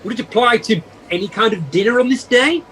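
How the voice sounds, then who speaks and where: A woman's voice: on the high side, animated, fairly quick, fairly bright tone. A woman playing a troubled old male miser in an amateur radio play, earnest and full of challenging questions. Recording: faint noise on home call.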